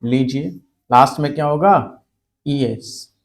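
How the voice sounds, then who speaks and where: Grammar teacher quizzing his class. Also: mid-range voice. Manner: explains by asking questions and answering them himself; repeats key words slowly. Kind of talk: spelling lesson.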